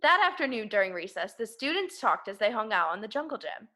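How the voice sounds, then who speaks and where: A woman briskly reads a children's picture book in a mid-range voice, sounding like an elementary school teacher. She narrates with animated expression and emphasis aimed at young children.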